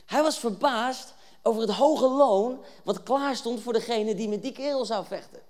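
A preacher speaks at a youth evening and turns a Bible story into a lively, conversational retelling. Read verses give way to casual slang and quick acted-out bits of the scene. The delivery is energetic and keeps pulling listeners into the story. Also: medium pitch.

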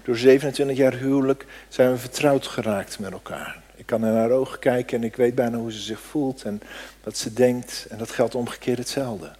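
A middle-aged man preaching a sermon, moving between loud emphatic declarations and hushed, near-whispered prayer. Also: mid-range voice, steady tone, brisk. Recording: long hall reverb.

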